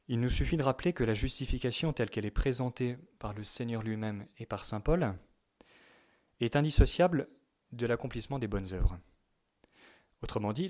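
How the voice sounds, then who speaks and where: A man giving a religious teaching to young people, speaking in a measured way and stressing key words, sometimes reading quotations aloud. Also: medium pitch, a little mellow. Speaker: teacher at a youth retreat.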